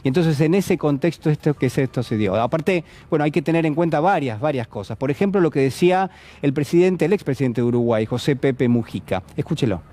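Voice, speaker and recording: A man's voice: fairly high pitch, animated, a little fast, mellow. A man giving a televised political commentary, speaking to the viewer directly and posing rhetorical questions. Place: television studio.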